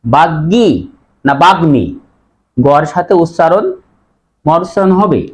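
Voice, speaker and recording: A man teaching a pronunciation lesson, repeating each word slowly and putting questions to his students. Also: a little high.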